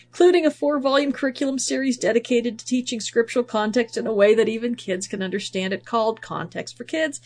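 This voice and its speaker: A woman hosting a podcast, her sinuses congested. She teaches Bible background in a chatty, self-deprecating way, with asides and fillers, and reads scripture aloud. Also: on the high side. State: congested, sniffling from draining sinuses. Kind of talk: casual spoken teaching, reading scripture aloud.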